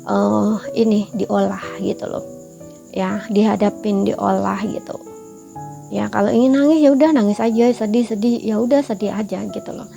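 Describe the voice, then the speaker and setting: A woman's voice: medium pitch, fairly even intonation, normal speed, vocal fry, mellow, lo-fi sound, faint music behind. A woman giving a casual, reassuring tarot reading, speaking in a chatty way with many fillers. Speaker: tarot reader.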